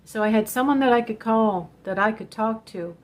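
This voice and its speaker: A woman's voice: a little high, moderate pace. A woman hosting a vlog, telling a personal story in an earnest, direct way and warning her viewers. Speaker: spiritual channel host telling a personal story.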